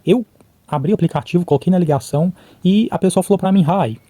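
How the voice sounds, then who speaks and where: Speaking quickly in a high, mellow voice with no room sound, a Brazilian man shares his own story about learning English with the camera. He chats casually, drops frequent "tá?" and "né?" check-ins, and acts out both sides of past conversations.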